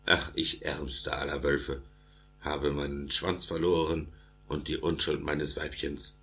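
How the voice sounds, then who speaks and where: Storybook wolf read by a man, self-pitying, very low voice, rhythmic verse. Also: flat delivery, a little slow, sharp tone, heavily acted.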